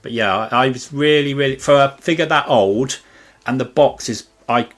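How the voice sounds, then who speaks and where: A man's voice: medium pitch, normal speed. Man pronouncing R's like W's. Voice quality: can't say R's properly, pronounces r like w. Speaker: panelist. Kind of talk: casual chat.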